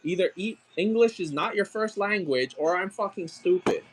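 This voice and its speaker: A man's voice: high voice, normal speed, music in the background. A man hosting a livestream, talking in a blunt, exasperated way and swearing often. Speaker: livestream seller. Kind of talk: casual livestream chat.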